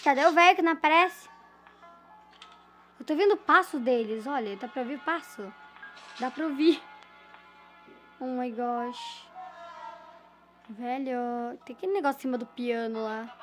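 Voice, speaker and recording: A woman's voice: sits high, measured pace, long pauses, fairly bright tone, soft background music. A woman with a Brazilian accent giving casual, nervous commentary on a horror game as she talks to her viewers. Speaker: gamer.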